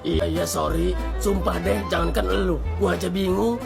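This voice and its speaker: An actor with a Jakarta accent voicing a goofy, melodramatic young male best friend in an animated comedy. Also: mid-range voice, normal speed, gravelly. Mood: apologetic. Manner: melodramatic, teasing. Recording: music behind the voice.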